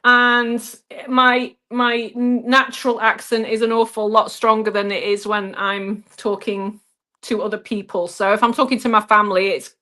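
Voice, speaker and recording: A woman's voice: fairly high pitch, little pitch movement, moderate pace, pushed and bright. Brief: woman, northern English Lancashire accent, live-stream host, reads viewer comments, casual and upbeat. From northwest England.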